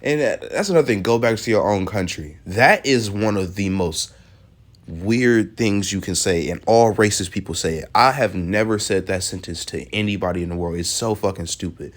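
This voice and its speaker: A man with a somewhat low voice talks through a reaction video in a loose, casual way. He is blunt and profane, and he laughs often as he comments. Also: moderate pace.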